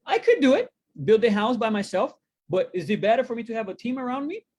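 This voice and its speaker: A man from Brazil talking casually as co-host of a webinar, animated and full of fillers, asking rhetorical questions. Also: very high voice, fast talker. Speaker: co-host, wealth coach.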